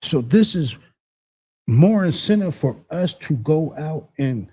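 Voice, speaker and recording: Male co-host, slightly high, husky and mellow, emphatic delivery. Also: animated, slow. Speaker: co-host of a live community talk show. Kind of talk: casual commentary.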